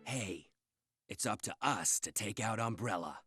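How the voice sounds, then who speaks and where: An actor playing a grim, resolute young hero with a husky voice in a game cutscene. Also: male voice, fairly low pitch, animated, a little slow, pushed and bright, dry recording, studio quality, heavily acted. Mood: grim resolve. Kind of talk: video game cutscene acting. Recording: game dialogue over faint music.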